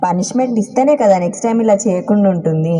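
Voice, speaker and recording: A woman's voice: medium pitch, very fast, dark tone, close to an everyday voice. A woman playing a strict, unapologetic schoolteacher in a school skit. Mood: defiant. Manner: stern, unapologetic.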